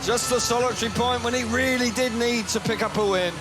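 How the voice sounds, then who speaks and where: A man doing live motorsport commentary, in an excitable style that rises with the action. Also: very high voice, fairly quick, noisy background. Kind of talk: live speedway race commentary.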